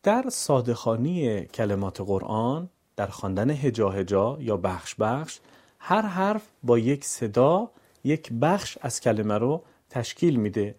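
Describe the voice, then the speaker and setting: Male recitation teacher, warm mellow tone, measured delivery with careful syllable drills. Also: medium pitch, big pitch swings. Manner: clear, measured teaching with slow syllable-by-syllable demonstrations. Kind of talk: instructional lesson with letter drills.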